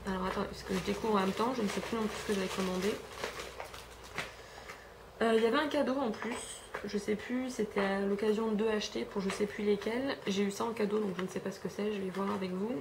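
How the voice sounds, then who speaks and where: Filmed at home on a camera mic against background noise, a young Frenchwoman chats through a beauty haul at a quick pace. Her medium-pitched voice stays steady as she rambles, using plenty of fillers and correcting herself.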